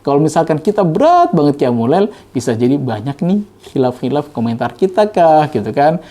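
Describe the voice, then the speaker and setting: A man preaching a casual Ramadan religious talk, gentle and conversational, who tells stories to make his points. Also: fairly high pitch, big pitch swings, fairly quick.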